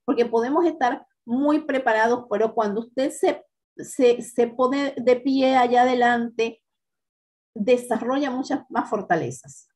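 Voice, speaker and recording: A woman teaching a class on public speaking in a methodical, encouraging way, often pausing with hesitant fillers. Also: on the high side, darkish tone. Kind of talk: instructional talk to students.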